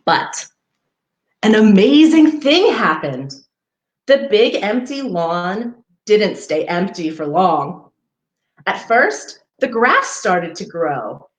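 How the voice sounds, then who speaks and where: A woman who works as an outreach coordinator for a parks foundation hosts a children's story time, reading aloud expressively in a medium-pitched voice. She speaks directly to her young listeners and pauses to point out the pictures. The livestream sound is roomy and echoey.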